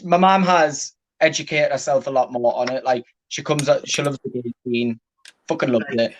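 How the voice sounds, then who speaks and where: A man telling stories on a casual chat stream, sweary and quick to laugh. His voice sits at an ordinary middle pitch. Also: a little hiss or hum, poor audio. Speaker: drag queen guest.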